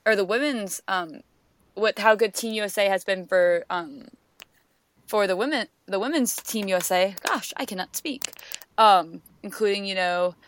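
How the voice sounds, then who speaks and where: A woman's voice: medium pitch, moderate pace. A woman co-hosting a podcast in casual chat, rambling with lots of fillers and restarts, and swearing now and then. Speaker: podcast co-host.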